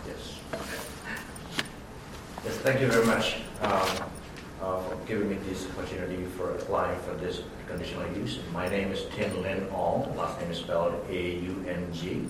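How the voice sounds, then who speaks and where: Guy, lowish voice, kinda hesitant, lots of ums, far from the mic in a really echoey room. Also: flat delivery, normal speed, noisy background. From Burma. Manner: hesitant, many fillers, non-native phrasing. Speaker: applicant at a township hearing. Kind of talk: formal testimony. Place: township meeting room.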